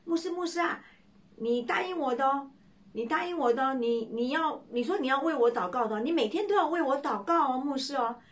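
A woman's voice: high-pitched, brisk, pitched above the performer's own voice, natural voice. A woman preacher voicing an anxious young male churchgoer who pleads with his pastor and repeats himself. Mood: pleading.

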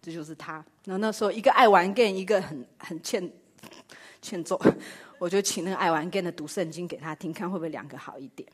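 A woman's voice: fairly low pitch, fast talker, slightly rough. A middle-aged woman preaching a sermon and telling a personal story, with rhetorical questions and self-mocking humor. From Taiwan. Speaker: church speaker.

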